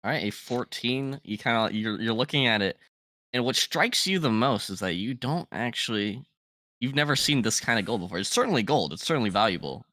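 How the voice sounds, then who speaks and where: Bright-voiced man running a tabletop game. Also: mid-range voice, animated, a little fast, no echo. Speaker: game master. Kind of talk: casual tabletop game narration.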